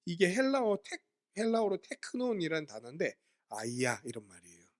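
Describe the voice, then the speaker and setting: This pastor's voice sits high and has a sing-song lilt, moving at a brisk clip. In his sermon he explains Greek Bible words, asking the congregation questions and then supplying the answers himself.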